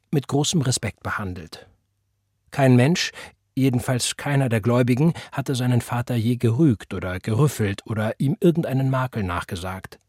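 A man reading a literary novel aloud as narrator, in a measured, even storytelling manner. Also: mid-range voice, husky, no room sound. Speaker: audiobook narrator. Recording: dry close studio recording.

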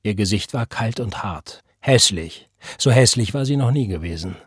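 Man narrating a novel, measured, serious, husky voice, dry close sound. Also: lowish voice, animated, dry recording. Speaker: audiobook narrator. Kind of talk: scripted narration.

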